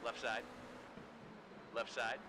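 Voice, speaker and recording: A man's voice: medium pitch, flat delivery, slow pace. A man working as a race spotter, giving terse, clipped directional calls over team radio on a noisy feed. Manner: clipped, repeated directional callouts.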